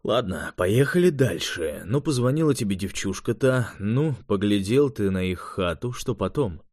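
A male reader puts on a gruff senior mage who grumbles his questions in a low, quiet voice. His speech is curt and displeased. The sound is close and dry, like a studio audiobook. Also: lively intonation, normal speed, dry recording.

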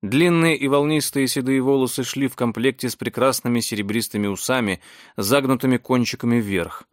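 A man reading a novel aloud in a steady, measured storytelling voice. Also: medium pitch, no echo, clean studio sound. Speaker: audiobook narrator.

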